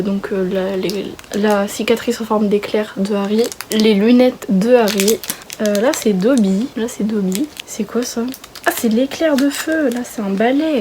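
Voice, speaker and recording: A woman's voice: mid-range voice, a little mellow, a little hiss or hum. A nineteen-year-old woman in a chatty unboxing vlog, gushing over each item with many fillers and restarts. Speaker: YouTuber.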